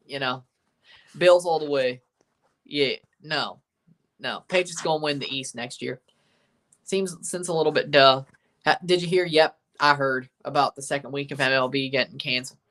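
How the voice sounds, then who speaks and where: A young man hosts a live sports watchalong stream, reading chat aloud, offering opinionated takes and reading out team lineups. His voice is a little high with a fairly bright tone.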